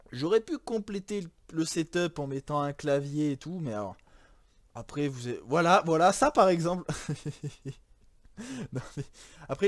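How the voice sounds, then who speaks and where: A man's voice: on the high side, a little mellow, no room sound. A man from France casually walking through a PC build, rambling with many fillers and self-corrections. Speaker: YouTuber presenting a PC build. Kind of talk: casual chat.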